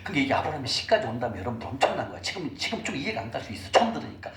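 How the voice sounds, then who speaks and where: A man's voice: medium pitch, very animated, rapid-fire, fairly bright tone. A middle-aged man giving a church finance lecture. He talks sermon-style and keeps asking the audience questions. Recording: echoey room recording with faint noise.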